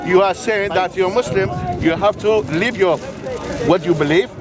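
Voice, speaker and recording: A man argues in an open-air park debate, insistent, circling back to the same points. His voice is fairly high. A thick, loud crowd surrounds him. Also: normal speed. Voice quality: insistent, repetitive. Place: outdoors in a park among a crowd.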